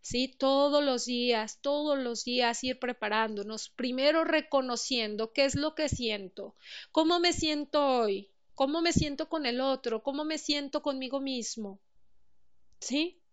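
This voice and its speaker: A speaker on emotional wellbeing, a woman with a Mexican accent, gives an earnest motivational talk and asks the listener direct questions. Her high-pitched voice is clear and resonant, and she speaks a little slowly.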